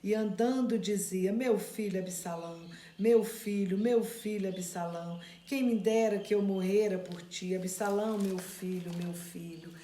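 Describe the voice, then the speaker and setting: A woman's voice: medium pitch, steady tone, measured pace, hardly any pauses, mellow, echoey room, slight background noise. A woman who reads scripture aloud and then retells it in plain, casual words to her class. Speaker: Bible study teacher. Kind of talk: Bible reading and teaching.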